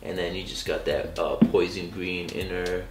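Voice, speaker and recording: A man's voice: low voice, moderate pace, very noisy. A young man with a Californian accent who is losing his voice, talking casually and enthusiastically through a sneaker vlog with plenty of slang and fillers. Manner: relaxed, enthusiastic, slangy talk with many fillers. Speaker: sneaker vlogger. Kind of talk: casual vlog show-and-tell. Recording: echoey room with faint music.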